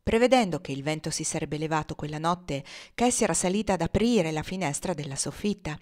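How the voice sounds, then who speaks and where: Woman reading an old novel out loud, steady and measured. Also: low-pitched. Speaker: reader of a novel.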